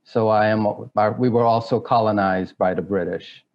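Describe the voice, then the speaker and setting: A man's voice: lowish voice, fairly even intonation, normal speed, highs cut off. A middle-aged man from Guyana, answering interview questions in a hesitant way, with many fillers and restarts. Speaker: guest.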